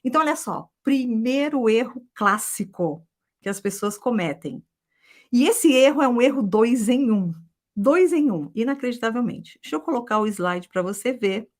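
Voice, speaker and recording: This is a middle-aged woman, giving a live online English lesson. Her voice sits a touch high, and she keeps the pace lively and chatty. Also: normal speed. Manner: lively, chatty, often adds "tá?". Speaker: English teacher.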